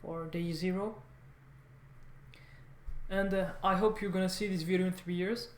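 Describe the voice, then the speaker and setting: This is a casual, unplanned monologue from a French-born vlogger learning another language. He speaks in a high, steady voice, stumbling, looping back and correcting himself often, while a distinct room echo hangs around him.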